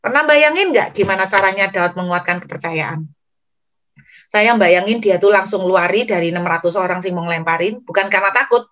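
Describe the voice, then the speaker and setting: A woman's voice: medium pitch, fairly quick. Woman preacher on a dull recording. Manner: lively storytelling, addressing the congregation directly. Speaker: evangelist preacher. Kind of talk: sermon.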